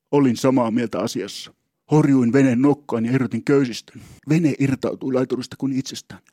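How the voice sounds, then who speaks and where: A man's voice: medium pitch, warm tone, breathy edge, no echo, clean studio sound. A man telling a humorous story about himself in a rambling, wry, mock-solemn way, often stopping and restarting his thoughts. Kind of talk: humorous first-person storytelling.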